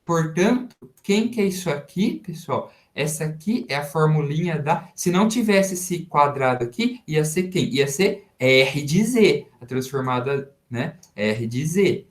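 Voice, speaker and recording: A male professor with a Brazilian Portuguese accent, talking at an unhurried pace in a slightly high voice. He walks through the math one step at a time and keeps asking his students questions that he then answers himself. The recording is roomy, with a clear echo. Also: expressive. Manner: slow step-by-step explaining with rhetorical questions to students. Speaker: university professor. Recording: roomy echoey sound.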